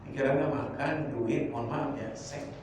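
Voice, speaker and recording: A man's voice: mid-range voice, fairly even intonation, moderate pace, background noise. A man preaching an informal sermon, mixing street slang with Arabic prayers. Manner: colloquial Jakarta slang mixed with Arabic prayers. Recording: echoey room, distant from mic.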